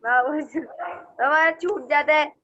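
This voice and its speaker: High-voiced girl student, dull call audio. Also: takes it slowly, sharp tone. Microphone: video call.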